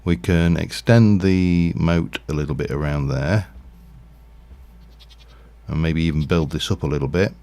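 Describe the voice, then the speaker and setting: A man's voice: extremely low pitch, unhurried, creaky, pauses often, darkish tone. A man casually commentating his Minecraft livestream, rambling and thinking aloud with lots of fillers. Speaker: streamer.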